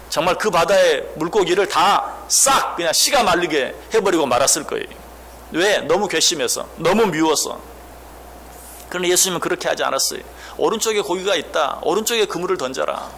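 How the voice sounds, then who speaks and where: A man's voice: on the high side, fairly bright tone, a little hiss or hum. A man preaching a sermon as a pastor, questioning the congregation and acting out quoted speech. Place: church.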